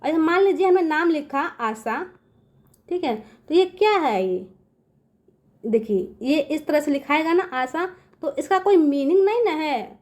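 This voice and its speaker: In a high, light, slightly mellow voice, a woman leads a beginners' English class on phonics rules, walking through letter sounds step by step. She keeps making sure the children are with her, and draws out each sound slowly when spelling a word.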